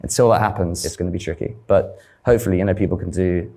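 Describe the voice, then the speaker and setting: A young adult man from London, with a London English accent, speaks earnestly and reflectively as a panel guest on a studio stage with an audience, gesturing with his hands. He's a vlogger and model. His voice sits low and is warm, with a steady tone, a quick pace, and some vocal fry.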